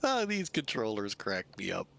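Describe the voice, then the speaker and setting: A man's voice: wildly swooping pitch, normal speed, creaky, a bit bright. A man giving casual commentary as a flight simulator streamer. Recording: faint low cockpit rumble behind voice.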